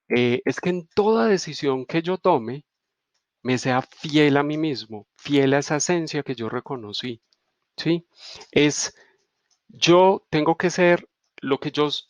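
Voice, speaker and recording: A man giving a reflective spiritual teaching, unhurried and checking in with rhetorical questions. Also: medium pitch, no room sound, lo-fi sound. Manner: unhurried, repeats rhetorical "¿sí?" and "¿cierto?".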